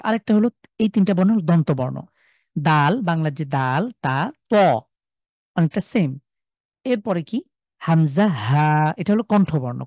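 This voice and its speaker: A man's voice: a little high, a little mellow, no echo, clean studio sound. Patient Sylheti man teaching letters. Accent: Sylheti Bengali. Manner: patient, repeats letters slowly for students. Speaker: Quran recitation teacher. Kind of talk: live online tajweed class.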